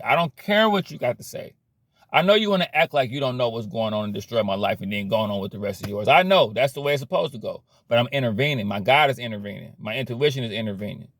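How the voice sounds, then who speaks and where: A motivational vlogger with a medium-pitched voice delivers a blunt, slangy rant about cutting problem people out of your life, repeating himself as he preaches. The sound is clean studio quality with no echo.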